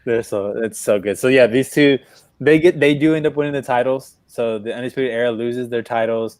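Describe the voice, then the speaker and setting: A man chatting about wrestling on a livestream, retelling scenes with plenty of energy and breaking into laughs. His voice sits at an ordinary pitch for a man. The sound is close and dry, with no room echo. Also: brisk. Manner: animated storytelling, laughs while retelling. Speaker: podcast co-host. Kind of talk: casual wrestling chat.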